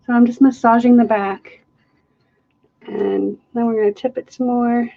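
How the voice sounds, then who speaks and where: Chatty and self-mocking, this fluid art livestream host laughs a lot during her casual demo in an art studio filmed from above the table. She speaks at a normal speed in a slightly high, creaky voice with a steady tone, though the highs are cut off.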